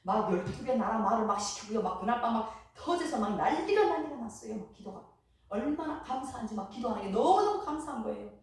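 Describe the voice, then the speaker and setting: A woman missionary from Korea, giving an impassioned church testimony that swings between hushed and loud. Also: a little high, expressive, fast. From North Korea. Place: church sanctuary. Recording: very echoey hall, mic far off.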